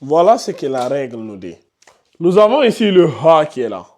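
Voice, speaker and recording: Brief: high-pitched male teacher in a classroom, quizzes students, repeats terms. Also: big pitch swings, normal speed, a little mellow. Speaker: Quran recitation teacher. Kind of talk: live classroom tajwid lesson.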